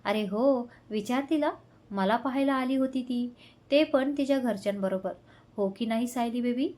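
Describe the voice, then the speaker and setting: A woman's voice: high-pitched, moderate pace, a little mellow, close to an everyday voice. A woman reading the part of a smug, scheming young man in a spoken love story, with a sneering, theatrical tone.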